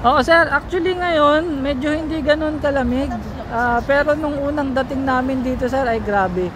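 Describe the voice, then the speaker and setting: A man's voice: very high-pitched, moderate pace, crowd noise. A Filipino man chatting casually into a walkie-talkie as he makes a radio check, friendly and full of radio jargon. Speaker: host making a radio range test. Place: outdoors in South Korea, near trees. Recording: noisy outdoor recording with traffic ambience.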